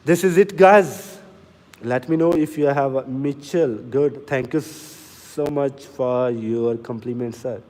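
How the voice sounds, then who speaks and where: Slow-talking man in an echoey hall. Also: medium pitch, fairly even intonation, warm tone. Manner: deliberately slow, earnest, reads out comments. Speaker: livestream sales host for farm machinery. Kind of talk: casual livestream talk to viewers. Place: inside a factory or showroom.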